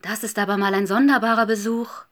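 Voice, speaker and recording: A woman voicing a curious, scolding owl in a children's story, with high hooting calls. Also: steady tone, fairly quick, fairly bright tone, lightly acted. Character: hooting nosy owl, shrill and loud.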